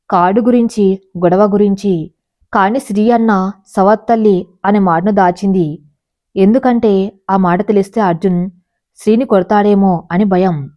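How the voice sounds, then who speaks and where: A woman narrating a scripted audio story in a slow, measured, emotional way. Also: mid-range voice. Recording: dull lo-fi recording.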